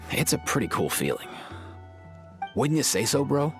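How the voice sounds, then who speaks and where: A man's voice: mid-range voice, big pitch swings, normal speed, over loud music. A man playing a laid-back, thoughtful young warrior in a video game, speaking casually. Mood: relaxed, friendly. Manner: casual, slangy.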